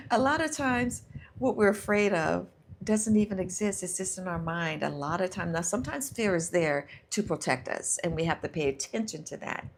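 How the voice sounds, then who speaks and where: A woman's voice: medium pitch, gravelly, slight background noise. A middle-aged woman hosting a casual motivational live stream, talking herself through fears aloud and reading comments from viewers. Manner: warm encouraging, talks to herself aloud, reads viewer comments. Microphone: handheld or clip mic.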